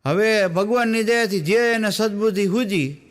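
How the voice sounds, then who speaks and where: A stand-up comedian who tells folk stories and acts out the people in them, throwing quick asides to the audience. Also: male voice, high-pitched. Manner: storytelling in quoted voices, with the audience laughing along; tosses quick asides to the crowd. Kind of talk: Gujarati folk comedy storytelling on stage.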